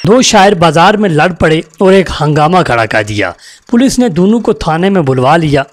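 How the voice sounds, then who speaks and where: A man's voice: a little high, lively intonation, moderate pace. A man from Pakistan, reading out jokes with a chuckling delivery. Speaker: joke teller.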